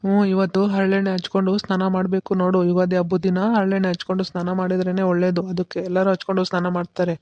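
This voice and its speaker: A man voices a cartoon's patient village father, walking through the ritual step by step and repeatedly checking understanding with "okay?" in an instructive way. His natural, high-pitched, slightly mellow voice is completely flat and quick with few pauses, captured in a dry, dull-sounding recording.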